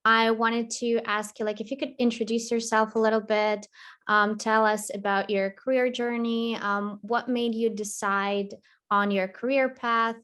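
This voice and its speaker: A woman's voice: mid-range voice, a bit bright. A young woman interviewing a guest, upbeat and casual, with many fillers like "um" and "like". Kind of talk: casual interview, video call.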